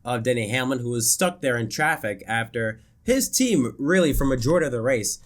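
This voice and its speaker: Brief: male YouTuber, stuffy and worn-out voice, rambling race recap, mid pitch. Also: lively intonation, brisk. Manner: chatty, many fillers and restarts. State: congested, voice worn from illness. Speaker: racing commentary YouTuber. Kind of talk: casual race review.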